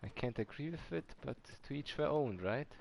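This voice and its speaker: A man's voice: medium pitch, lively intonation, normal speed, vocal fry, a little hiss or hum. A man casually commenting while speedrunning a game, chatting with viewers and shrugging off his own mistakes. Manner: chatty, answers chat, self-deprecating about mistakes. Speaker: speedrunner streamer.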